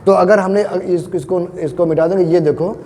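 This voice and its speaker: A man's voice: high-pitched, fairly even intonation, moderate pace, mellow. A man teaching biology to a class, patiently asking students questions and mixing terms into his talk. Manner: patient, asks students questions, calls them "beta". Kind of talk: classroom lecture. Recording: long echo in a hall.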